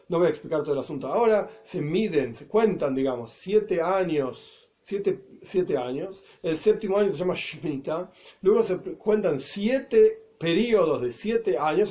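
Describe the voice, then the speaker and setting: Male rabbi, high register, patient explainer of Talmud text, reads a phrase then glosses it. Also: expressive, moderate pace, dark tone. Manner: reads Hebrew and Aramaic phrases, then explains each in Spanish; explanatory, with asides and self-corrections. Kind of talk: Talmud lesson.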